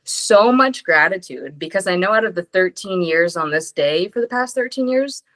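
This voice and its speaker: A woman's voice: on the low side, lively intonation, normal speed, fairly bright tone, low-quality recording. A woman on a group video call, speaking upbeat and encouraging, sharing gratitude with many "like"s. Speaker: call participant.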